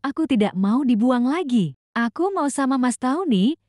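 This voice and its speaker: A woman voicing a remorseful middle-aged man who pleads softly with his older brother. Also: high voice, animated, moderate pace, no room sound, clean studio sound. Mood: pleading. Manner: soft, pleading.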